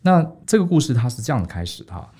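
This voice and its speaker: A man, hosting a podcast and retelling an old story in a casual, animated way, often adding a little "ha" to his sentences. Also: mid-range voice, fast, breathy edge. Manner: animated, peppers speech with 哈. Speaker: podcast host.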